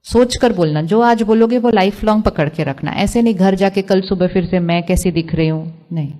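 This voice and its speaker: An Indian woman, a spiritual speaker, addresses a live audience, posing questions to them and mixing English phrases into her speech. Her mid-range voice has a warm tone and moves a little fast.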